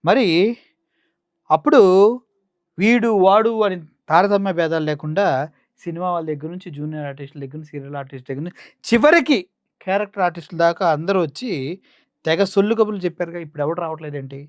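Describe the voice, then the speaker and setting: A man's voice: on the high side, expressive, fast, long pauses, no room sound, studio quality. A man with a Coastal Andhra Telugu accent giving mocking, sarcastic political commentary. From Andhra Pradesh.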